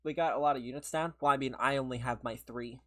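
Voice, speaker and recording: A man at medium pitch talks quickly in a steady, pushed, bright tone. Somewhat sick and sniffling, he chats casually on a gaming stream, laughing and rambling as he answers his viewers.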